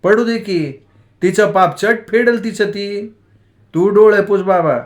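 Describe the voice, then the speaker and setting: A man's voice: sits high, slow pace, voice pushed up. A man voicing a tender, chiding village mother. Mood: coaxing, tender. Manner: coaxing, chiding village dialect. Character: affectionate rural village mother, scolding tenderly. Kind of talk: dramatized audiobook storytelling.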